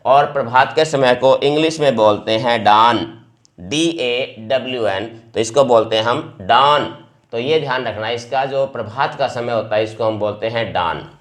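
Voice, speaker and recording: Man, English teacher, vocabulary lesson, patient, repeats words, mid-pitched voice. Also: moderate pace. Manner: explains patiently, repeats each word several times.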